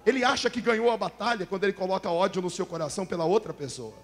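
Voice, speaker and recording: A male pastor preaching a fervent Pentecostal sermon, swinging from quiet talk to shouting. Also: sits high, racing. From Brazil. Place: large church hall. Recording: church hall reverb with faint music.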